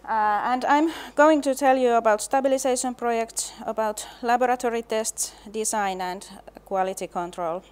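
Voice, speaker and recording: A middle-aged woman giving a conference presentation in a measured way, pausing often to hesitate. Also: a little high, clear, resonant tone. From Finland. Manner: slow, measured, with frequent hesitations. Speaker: laboratory and design specialist, presenter.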